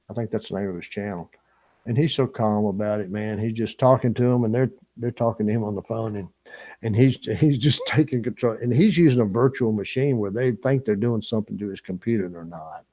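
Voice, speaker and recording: A man's voice: on the low side, mellow, rough recording. A man hosting a fishing channel live stream, chatting casually with viewers and reading their comments, rambling and chuckling as he talks. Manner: rambling and chuckling, reads chat comments aloud. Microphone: small camera mic or lapel.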